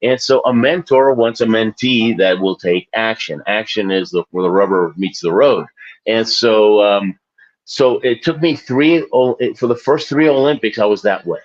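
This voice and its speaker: This guest on an interview is a man in his forties, an Olympic athlete and author, with a lowish voice and a normal pace. He chats casually, rambling, poking fun at himself and laughing often, on lo-fi audio.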